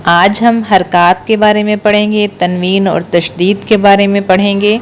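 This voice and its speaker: A woman's voice: medium pitch, level tone, a little hiss or hum. A woman teaching a step-by-step recitation lesson, patiently drilling single syllables.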